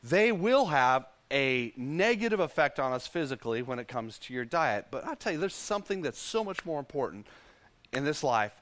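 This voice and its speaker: A middle-aged pastor from Texas with a Texan accent, telling a story in a conversational sermon with self-deprecating humor. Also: male voice, mid-range voice, very animated, normal speed, fairly bright tone.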